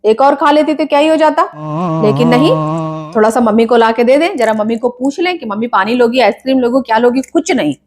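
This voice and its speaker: Woman acting as a nagging mother, comedy sketch, scolding, fairly high voice. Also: darkish tone, lightly acted. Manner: scolding, nagging, quick complaints. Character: scolding, complaining middle-aged mother.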